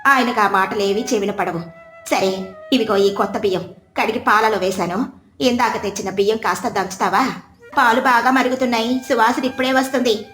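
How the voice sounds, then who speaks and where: A patient young village wife reasons mildly, as a woman plays her. Her voice sits a little high. The storybook recording is roomy, with soft music beneath. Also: fairly even intonation, fairly quick, natural voice.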